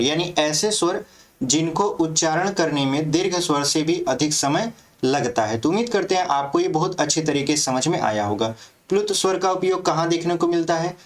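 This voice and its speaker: A man teaching a grammar lesson for exam prep, explaining step by step and often checking that students follow. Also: fairly high pitch.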